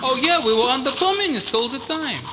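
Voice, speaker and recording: A man playing a grumpy middle-aged immigrant father with a Moldovan accent, talking in blunt, deadpan broken English for a comedy sketch. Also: very high voice, brisk, background noise. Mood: gruff. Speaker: immigrant neighbor character.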